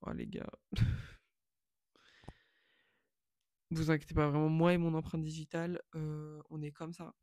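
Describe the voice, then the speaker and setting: A woman's voice: deep voice, level tone, moderate pace, warm tone, dry recording. A woman in her twenties talking to camera in a casual, rambling and self-mocking monologue that slips in English phrases. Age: 20s. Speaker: vlogger.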